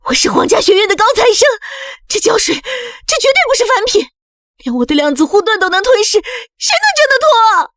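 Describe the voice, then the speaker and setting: A woman's voice: fairly high pitch, sing-song, moderate pace, breathy edge, dry recording, studio quality. A woman voicing a proud, scheming young academy elite with a haughty, spiteful manner in a motion comic. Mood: shocked.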